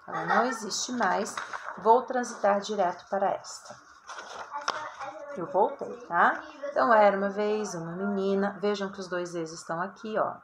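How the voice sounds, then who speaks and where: A Brazilian woman teacher giving a recorded writing lesson, talking straight to her students in a chatty, lively way. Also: medium pitch, background noise. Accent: Brazilian Portuguese. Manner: chatty, addresses students directly, lots of "tá?" and "ó".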